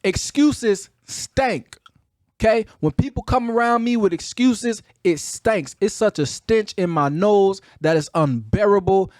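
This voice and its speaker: A Chicago-born podcast host and motivational speaker, with the accent to match, gives a motivational talk in a preacher-like, emphatic, colloquial style, hammering key phrases by repeating them. His voice sits high and is a little slow and mellow, recorded in a clean studio with no echo.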